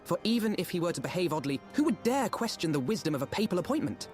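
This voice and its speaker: A quick earnest young scholar in a game, posh formal wording, voice bounces around. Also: male voice, high voice, sing-song, faint music behind. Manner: formal, eloquent, archaic phrasing. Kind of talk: game voice acting.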